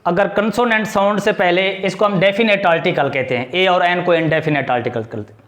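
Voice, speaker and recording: A man's voice: high voice, brisk, fairly bright tone. A man teaching a video grammar lesson, patiently explaining and repeating key points, asking questions and answering them himself. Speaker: English teacher.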